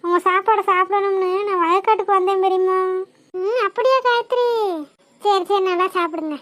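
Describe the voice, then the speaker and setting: Picture chatty, teasing village girls in a cartoon, all voiced by one woman. Their voices are very high and piercing. They banter bossily. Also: moderate pace. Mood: cheerful. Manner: lively, teasing, bossy banter. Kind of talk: cartoon voice acting.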